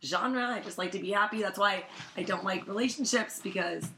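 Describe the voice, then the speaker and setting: A woman's voice: medium pitch, brisk, bright, forceful tone, a little hiss or hum. A woman in her thirties with a Valley Girl accent, chatting casually and comically as a podcast co-host. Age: 30s. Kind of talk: casual comedic chat. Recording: roomy, echoey sound.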